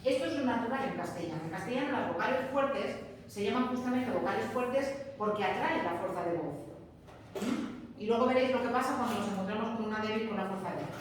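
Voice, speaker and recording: A woman's voice: on the high side, fast talker, distant mic, a little hiss or hum. Woman teacher in an echoey hall. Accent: Spain Spanish. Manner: patient, emphatic, checks in with students. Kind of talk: classroom grammar lesson.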